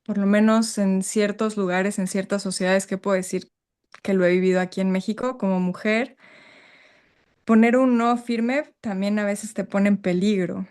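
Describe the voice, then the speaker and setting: On a group video call, a woman attending a workshop speaks in a medium-pitched, steady, darkish voice at a moderate pace, captured by a video call microphone. Emotionally stirred, she searches for the right words while sharing frankly and reflectively.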